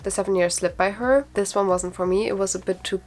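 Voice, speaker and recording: A woman's voice: medium pitch, fairly even intonation, fairly quick, a little mellow. A woman chatting casually on her video channel, giving frank opinions with lots of fillers. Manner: frequent fillers like "like" and "actually". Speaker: book vlogger. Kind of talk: casual book ranking vlog.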